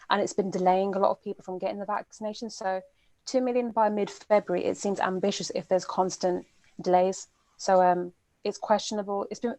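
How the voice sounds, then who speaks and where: A woman talks in a measured way during a casual group chat, pausing on "um" and repeating words. Her voice is dry and close to the mic, with no room echo. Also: mid-range voice, darkish tone.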